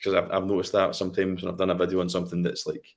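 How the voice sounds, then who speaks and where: A man's voice: deep voice, completely flat delivery, rapid-fire, creaky. A man with a Scottish accent talking casually and off the cuff, as a YouTuber on a discussion panel. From Scotland. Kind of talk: casual unscripted chat.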